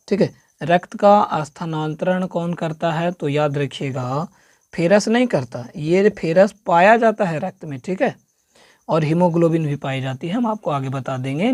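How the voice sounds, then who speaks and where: A man's voice: fairly high pitch, a little mellow, no room sound, studio quality. A man giving an exam-prep science lesson as a coaching teacher, quizzing the listener with repeated questions and drilling the answers. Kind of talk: exam-prep classroom lecture.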